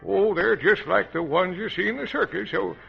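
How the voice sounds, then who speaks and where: A gravelly old adventurer captain on an old radio show. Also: male voice, high-pitched, moderate pace, faint music behind, heavily acted. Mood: jovial. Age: older. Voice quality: gravelly, folksy, chuckling. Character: old adventurer captain telling children his tales. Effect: old radio show sound. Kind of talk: 1930s radio acting. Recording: dull lo-fi old radio recording with faint hiss.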